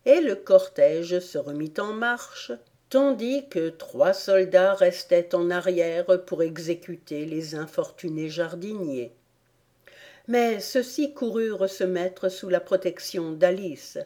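A woman narrates a storybook at an unhurried, deliberate pace. Her voice is soft and mellow, with a dark, warm tone. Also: on the low side. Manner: slow, measured reading. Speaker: audiobook reader.

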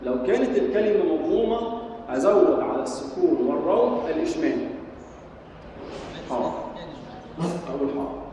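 This Egyptian-accented man teaches Quranic sciences to a class, asking questions and supplying the answers himself. His fairly high voice is sing-song and mellow, at normal speed with frequent pauses, and the audio sounds dull. The recording comes from an echoey hall with a distant mic and faint noise.

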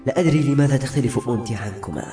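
A man voicing a bold, clever knight of twenty-eight who speaks bluntly and gruffly. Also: mid-range voice, expressive, rapid-fire, warm tone, lightly acted. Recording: roomy audiobook recording, faint music.

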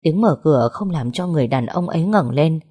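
A woman reading a story aloud in a slow, mournful narration. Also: sits low, lively intonation, dark tone, husky. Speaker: audiobook narrator.

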